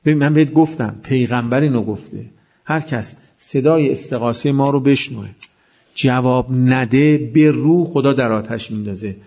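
A man preaching an impassioned mourning sermon, his voice swinging between loud cries and hushed lines. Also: mid-range voice. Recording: dull lo-fi recording.

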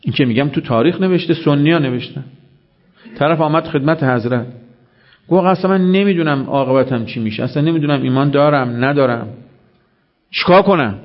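A man giving a religious sermon, telling stories and acting out the dialogue in lively voices. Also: fairly high pitch, muffled recording. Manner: animated storytelling, acting out dialogue. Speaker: preacher.

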